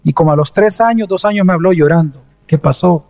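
A man's voice: high voice, fast, a little mellow. A man preaching a sermon, speaking earnestly and conversationally and addressing listeners directly. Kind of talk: sermon with storytelling. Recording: long reverb of a hall.

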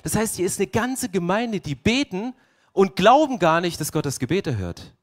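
This young pastor's sermon comes in a high voice at moderate speed, lively in its storytelling. Along the way he acts out voices and throws rhetorical questions at the congregation.

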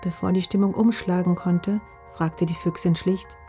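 A woman with a husky voice narrating a children's story in a calm, gentle manner. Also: fairly low pitch, normal speed, soft background music.

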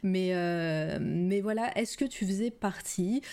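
Relaxed woman hosting a stream interview. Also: mid-range voice, slow pace. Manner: relaxed, hesitant, many fillers and restarts. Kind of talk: casual live-stream interview.

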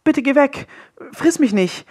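A man's voice: very high voice, animated, unhurried, a little mellow, pitched above the performer's own voice. A man voicing a frightened, hungry young boy in a storybook reading, pleading fearfully. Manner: pleading, scared.

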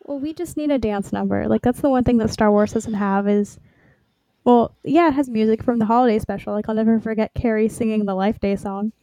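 A woman's voice: fairly high pitch, fairly quick, mellow, dry recording. A woman in casual fan chat as a podcast co-host.

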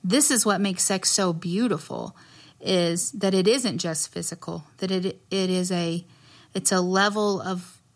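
Woman, West Texas accent, slightly low voice, earnest explaining, careful wording, interview guest. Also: measured pace.

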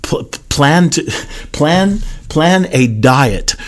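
Earnest older man, halting speech. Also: a little high, animated. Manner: earnest, halting with many restarts and fillers. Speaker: podcast guest pastor. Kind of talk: casual conversation.

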